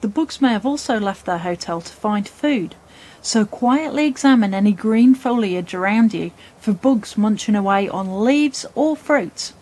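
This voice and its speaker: A woman presenting scripted nature narration for children in a playful, expressive storytelling way. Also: medium pitch, a little slow.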